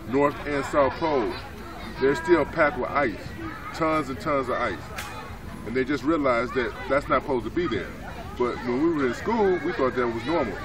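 A man in his forties, a minister, answering questions in a street interview in a city park, explaining earnestly and leaning on "so therefore". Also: mid-range voice. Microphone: camera mic at a few feet. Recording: distant outdoor mic, crowd noise behind.

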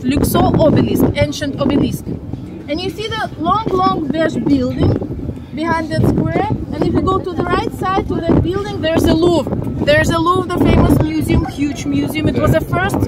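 A woman giving guided tour commentary, explaining and putting questions to her group. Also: extremely high pitch. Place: outdoor viewing deck high above city at night. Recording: noisy windy outdoor city ambience.

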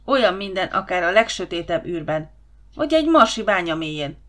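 A woman's voice: on the low side, big pitch swings, fairly bright tone. Lady doing a polite guard guy, deferential, little wordy, audiobook. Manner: polite, keeps saying sir.

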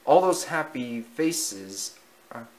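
A reader doing a steady father mouse. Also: medium pitch, slow pace, poor audio. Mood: reassuring. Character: plain-spoken father mouse.

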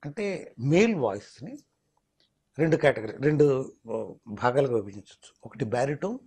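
A man's voice: mid-range voice, animated, moderate pace, a little mellow, husky. A mimicry artist, explaining his craft in an interview and slipping into demonstration voices. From Telangana, India.

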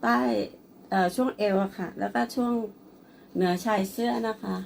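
A woman's voice: medium pitch, normal speed, vocal fry, slight background noise. A woman presenting and selling a blouse, speaking politely and addressing the customer often. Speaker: online clothing seller. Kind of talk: product showcase sales pitch.

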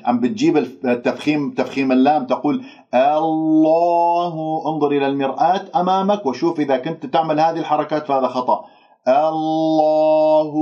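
Man teaching recitation, drawn-out. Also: on the high side, mellow. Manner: drawn-out demonstration words between brisk explanations. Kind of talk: pronunciation lesson. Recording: dull lo-fi recording.

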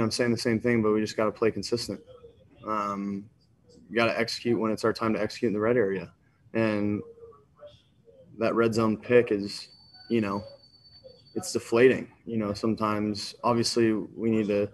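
A man's voice: on the low side, little pitch movement, normal speed, long pauses. A young man in his twenties, a quarterback answering questions at a postgame video press conference in a subdued way, with many ums and stock phrases. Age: 20s. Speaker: football quarterback. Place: indoors in front of a sponsor backdrop. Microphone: desk mic on a video call.

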